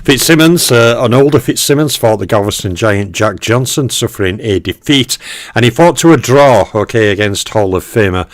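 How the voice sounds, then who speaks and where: His voice sits at medium pitch with lively intonation and a moderate pace, recorded at studio quality with no echo. The man, from Western Europe, hosts a boxing history channel and narrates a fighter's stats casually, peppered with okays and ums, while greeting live chat viewers.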